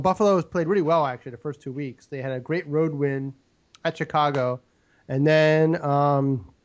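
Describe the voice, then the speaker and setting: A man's voice: on the high side, dull audio. A man hosting a casual football picks show, rambling through his analysis with many fillers. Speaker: sports picks show host.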